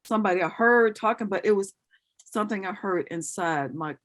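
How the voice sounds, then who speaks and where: A woman's voice: medium pitch, fairly quick. A middle-aged woman giving an earnest personal testimony as an interview guest, acting out remembered dialogue as she tells it.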